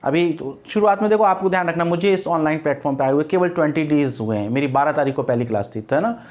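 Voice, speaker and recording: Male online grammar teacher, high-pitched, patient and reassuring, spells words aloud. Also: fast talker, darkish tone. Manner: mixes English terms into his talk.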